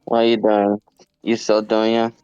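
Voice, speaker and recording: A man's voice: completely flat delivery, normal speed, darkish tone, faint music behind. A man chatting casually on a call through a crunchy, bitcrushed phone mic. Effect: bitcrushed, crunchy low-quality phone mic. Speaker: friend joining a gaming call. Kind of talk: casual chat. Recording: dull lo-fi phone audio from a hotel.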